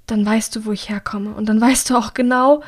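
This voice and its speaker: A woman reading an audiobook, voicing a nervous, scarred young female field worker with a thin, quiet voice. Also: a little high, steady tone, fairly quick, close to an everyday voice. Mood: guarded. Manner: nervous, guarded.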